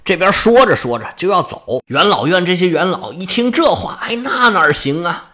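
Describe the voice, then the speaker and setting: Male storyteller, bright tone, animated pitch, higher voice. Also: moderate pace. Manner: lively, colloquial, animated. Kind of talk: pingshu storytelling.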